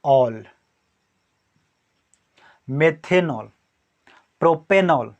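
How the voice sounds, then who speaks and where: A man's voice: on the high side, lively intonation, extremely slow. A male chemistry teacher lecturing a class, who keeps asking questions and answering them himself and repeats the key terms again and again.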